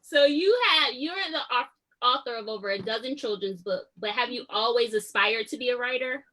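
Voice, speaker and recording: A woman's voice: fairly high pitch, normal speed, sharp tone, poor audio. A woman hosting an author interview, welcoming the guest and asking friendly, encouraging questions. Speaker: interview host.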